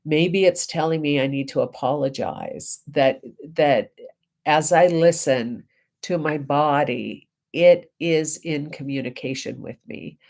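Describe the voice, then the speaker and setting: A female reverend who is getting over a head cold gives a reflective spiritual talk. Her voice is low, creaky and darkish. She phrases things deliberately and emphatically, with pauses.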